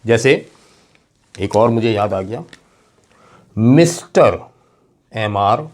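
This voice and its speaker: A male teacher giving a classroom lecture in a patient, explaining manner. He spells out example words slowly and letter by letter, and keeps checking that his students follow. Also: lowish voice, expressive, a little mellow. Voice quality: slow, drawn-out emphasis on example words. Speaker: English teacher.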